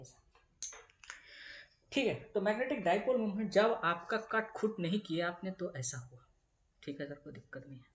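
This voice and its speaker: A young male physics teacher gives a chatty classroom lecture, posing questions and answering them himself for his students. His voice sits high with a fairly bright tone, and the room is echoey.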